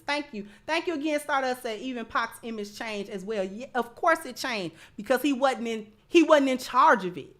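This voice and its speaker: Using a fairly high, slightly bright voice, an American woman hosting a livestream shares strong opinions in casual, everyday language. She is emphatic and keeps repeating phrases to make her point stick.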